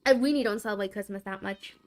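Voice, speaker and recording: A young woman streams from her home gaming setup, chatting casually into a desk mic in a quick, medium-pitched voice. She's giggly and rambling, and she repeats herself a lot.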